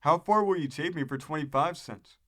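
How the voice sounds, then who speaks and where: A man's voice: fairly high pitch, normal speed, a bit bright. A man voicing a haughty, penny-pinching literary woman, curt and haggling, in a storybook-style reading.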